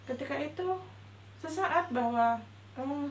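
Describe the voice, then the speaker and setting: A woman with a high voice gives a gentle, measured religious talk in a roomy indoor space. A faint hum sits under her voice, and the sound has some echo. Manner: gentle, reflective, measured delivery. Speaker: religious teacher. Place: indoor room before a patterned cloth backdrop.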